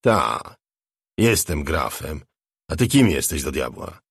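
A man's voice: rumbling low, very animated, takes it slowly, gravelly, slightly rough, dry recording, studio quality, pitched below the performer's own voice, exaggerated voice. A man reading a sardonic, cocky rich man. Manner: sarcastic, blunt, probing questions. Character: cocky sardonic wealthy man, barefoot, sipping cognac.

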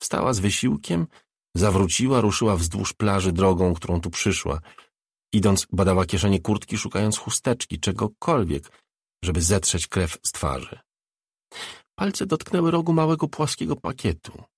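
A man narrating an audiobook in an expressive, dramatic reading. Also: lowish voice, normal speed, breathy edge, no echo, clean studio sound.

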